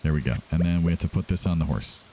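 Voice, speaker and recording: This gaming host has a deep voice and talks fast amid background noise. In his casual let's-play commentary he keeps chatting to himself and to the game's characters.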